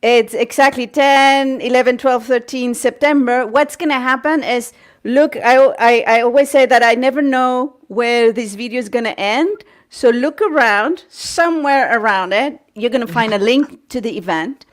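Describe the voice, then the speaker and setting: A woman hosting a casual chat, talking eagerly and quickly and often restarting her phrases. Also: fairly high pitch. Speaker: host.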